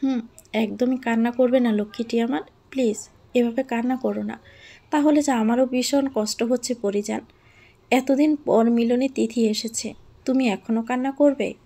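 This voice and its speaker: A woman voicing a lovestruck young husband in an audio storybook. He speaks softly and affectionately, almost pleading, in a slightly high, mellow tone with a gravelly fry. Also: fairly even intonation, moderate pace. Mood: loving.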